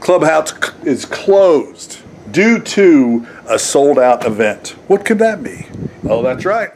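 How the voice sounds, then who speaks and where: A man hosts his own comedy road vlog, talking casually and chattily to camera and calling his viewers "folks." His voice is on the high side and a little mellow, slow, with big pitch swings. Noise from outdoors and a vehicle fills the background.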